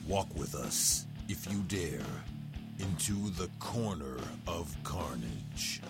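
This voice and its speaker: A man reading a dramatic scripted promo in an ominous, deliberate manner. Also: low-pitched, lively intonation. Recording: loud guitar music behind voice. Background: plucked guitar music.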